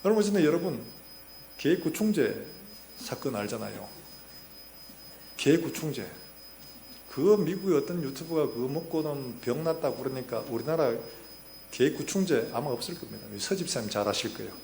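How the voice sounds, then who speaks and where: A man, a pastor preaching a sermon in a church. He tells stories and acts out the quotes, getting louder and softer as he goes. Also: mid-range voice, expressive, normal speed, gravelly, pauses often. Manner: storytelling with acted-out quotes, rising and falling loudness. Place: church sanctuary. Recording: echoey church hall with faint hum.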